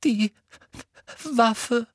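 In an audiobook, a reader voices a teenage schoolgirl who sobs, whines and stammers, using a mid-range voice with drawn-out words. The recording is studio quality with no room sound, and the voice is pushed up.

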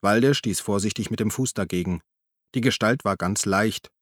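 A man narrates an audiobook in a calm, even storytelling manner. His voice sits low. The recording is close and dry, with no room sound. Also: moderate pace, dry recording. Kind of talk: scripted narration.

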